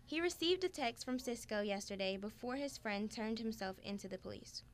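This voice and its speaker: A woman's voice: fairly high pitch, lively intonation, normal speed, a little hiss or hum. A woman narrating a scripted news report as a reporter.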